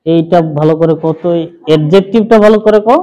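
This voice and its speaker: Guy teaching english in a bangladeshi classroom, high voice, strict, repeats each word slow. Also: dark tone, clean tone, rough recording. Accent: Bangladeshi Bengali. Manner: scolding, drills pronunciation, repeats terms slowly. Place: school classroom.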